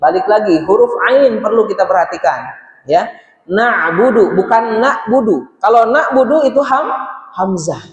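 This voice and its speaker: A man's voice: high voice, lively intonation, normal speed. A man teaching Quran recitation in a mosque, speaking with a Sundanese Indonesian accent and patiently repeating and chanting each verse for his listeners to follow. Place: mosque hall. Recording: echoey mosque hall with long reverb.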